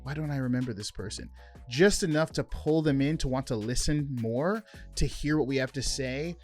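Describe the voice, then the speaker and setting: A man teaching sales calling in a conversational way, explaining step by step and acting out example phone lines. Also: mid-range voice. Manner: demonstrates call scripts by acting out both sides. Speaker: sales coach. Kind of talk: sales training talk to camera.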